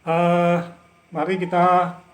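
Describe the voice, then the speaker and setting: A man's voice: sits high, completely flat delivery, slow pace. A man preaching and telling a personal testimony in a loose, repetitive way. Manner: loose, repetitive talk with many fillers. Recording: echoey room.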